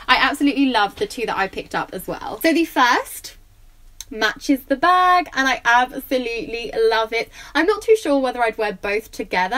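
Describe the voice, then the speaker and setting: A young woman talks through a shopping haul in a casual vlog, gushing enthusiastically over everything she picked up. Her voice sits fairly high. A blocked nose leaves it slightly croaky. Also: a bit bright. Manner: gushing, enthusiastic, lots of "I love". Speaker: vlogger.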